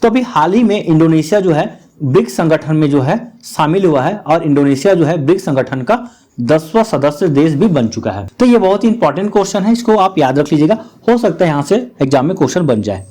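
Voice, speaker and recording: Guy going over current affairs quiz questions, kinda high voice, keeps saying the same filler bits. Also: animated, brisk, dark tone. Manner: repetitive filler phrases, addresses the viewer directly. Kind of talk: exam-prep lesson.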